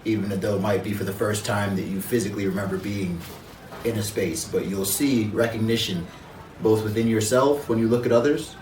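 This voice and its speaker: A man from Jamaica, a guest in an interview, speaking in a measured, reflective way with frequent pauses and fillers. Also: on the low side, a little mellow, roomy sound, distant mic, slight background noise, rough recording. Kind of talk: conversational interview.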